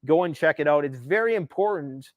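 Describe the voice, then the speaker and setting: Man, from canada, political livestream host, sarcastic emphatic ranting, fairly high voice, dry sound. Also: lively intonation, a little fast, no echo, lo-fi sound.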